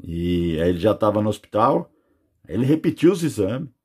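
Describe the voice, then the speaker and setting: Very animated yet moderate in pace, this Brazilian man's lowish, dark, slightly rough voice relates his near-death experience. As an adult with children giving personal testimony in a Brazilian Portuguese accent, he rambles and uses plenty of fillers.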